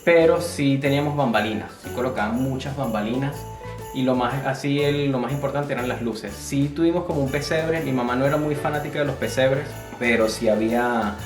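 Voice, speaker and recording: A Venezuelan man with a Venezuelan Spanish accent, chatting casually as a vlogger in a relaxed, rambling way. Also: mid-range voice, brisk, reverberant, over music. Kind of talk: casual chat.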